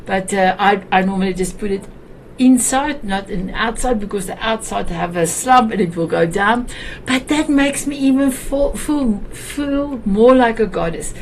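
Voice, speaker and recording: This host, a South African woman with an Afrikaans accent, speaks unhurriedly in a medium-pitched voice. Her warm, casual video call talk is chatty and full of hesitant restarts, and there's a little hiss or hum in the audio.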